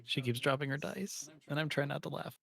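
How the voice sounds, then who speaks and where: A man's voice: fairly high pitch, brisk, gravelly, fairly bright tone, a little hiss or hum. A man playing in a tabletop game, easygoing and joking with the others. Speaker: player. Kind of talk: casual game play.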